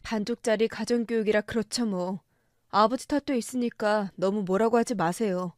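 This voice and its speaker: A woman's voice: mid-range voice, fairly even intonation, normal speed, no room sound, clean studio sound, lightly acted. Woman voicing a grown son, resentful, cold and curt, sarcastic politeness, story radio drama. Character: young adult son, resentful but polite.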